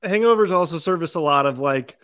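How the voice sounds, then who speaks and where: A man co-hosting a casual podcast chat, telling animated, profane stories. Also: a little high, fairly quick, clear, resonant tone. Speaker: podcast co-host.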